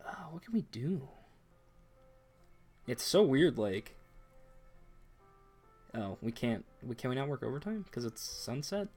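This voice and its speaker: A man's voice: mid-range voice, darkish tone. A man giving casual, chatty commentary while playing a romance game. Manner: chatty, reads text aloud. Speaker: let's play host. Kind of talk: gameplay commentary.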